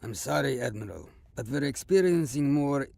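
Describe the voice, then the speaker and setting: A man's voice: mid-range voice, expressive, moderate pace, creaky, darkish tone, no room sound. A man playing a wry, teasing, loyal starship captain in a science fiction audio drama.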